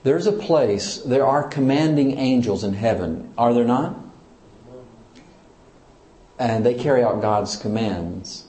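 A man's voice: mid-range voice, takes it slowly, long pauses, reverberant. A man, a church leader, teaching in sermon style, asking his listeners questions and pressing his points with emphasis. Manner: asks the audience questions, lively and emphatic.

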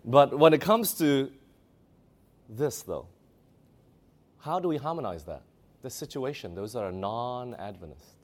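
A man's voice: medium pitch, lively intonation, unhurried, long pauses. A man preaching a sermon, emphatic, asking the audience questions and reading scripture aloud.

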